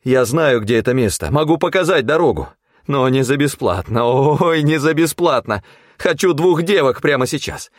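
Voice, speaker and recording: A man voicing a frantic, ragged young male scavenger who shrieks and pleads in a shrill, crazed way. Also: expressive, normal speed, dry recording, clean studio sound, close to an everyday voice. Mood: frantic shrieking.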